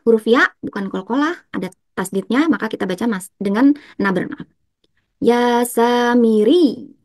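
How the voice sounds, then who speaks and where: A young woman who teaches Quran recitation explains tajwid rules step by step, patiently and repetitively, slowing down to chant the examples. Her voice is medium in pitch, and the recording is dry and close.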